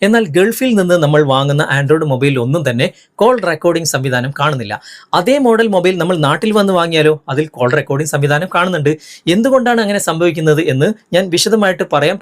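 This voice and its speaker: Speaking in a fairly high pitch with a Malayali accent, a man hosts a tech tutorial. He addresses viewers directly, walking them through phone steps one at a time in an instructional way.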